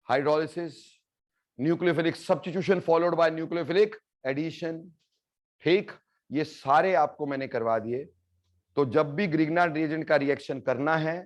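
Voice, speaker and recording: Male chemistry teacher, mixed in, high voice, unhurried classroom delivery that checks understanding. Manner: explains step by step, asks the class "clear?" and repeats key terms; calls students "beta" and "bhai". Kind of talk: classroom lecture mixing Hindi and English.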